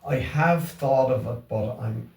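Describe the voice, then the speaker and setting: A gravelly, darkish, medium-pitched voice belongs to a middle-aged or older Wexford man, an interview guest who organises Irish language classes. He speaks slowly and casually, hesitating and repeating words, and the recording has roomy echo with him distant from the mic.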